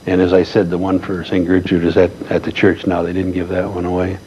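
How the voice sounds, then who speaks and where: An older man reminiscing in a relaxed chat as a guest, telling stories with many pauses and fillers. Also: low-pitched, lo-fi sound, a little hiss or hum. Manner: folksy storyteller, halting with many fillers. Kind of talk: casual reminiscing.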